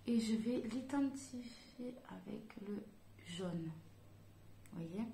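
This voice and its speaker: A woman talks her viewers through her makeup in a loose, chatty way, hesitating often and filling pauses. Her voice sits at a middle pitch. The recording has a noticeable room echo. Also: vocal fry, dark tone, slight background noise. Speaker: beauty vlogger. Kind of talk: casual makeup tutorial chat. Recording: echoey room.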